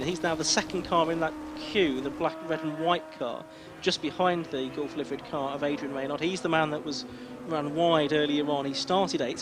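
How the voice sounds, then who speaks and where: A man working as a motorsport commentator, calling a race live with descriptive play-by-play. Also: a little high. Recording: noisy trackside outdoor sound, engines behind.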